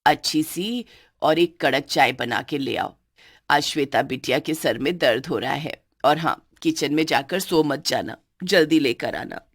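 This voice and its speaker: A woman's voice: sits low, lively intonation, unhurried, voice pushed down, heavily acted. A woman voicing a bossy older mother-in-law in a cartoon story who gives orders and scolds. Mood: commanding. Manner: commanding, scolding. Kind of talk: cartoon voice acting.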